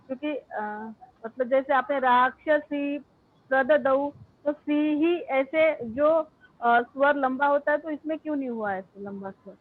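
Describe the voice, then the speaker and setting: A woman's voice: high voice, unhurried, no echo, phone-quality sound. A woman student asking her teacher a question in class, hesitant and searching for words.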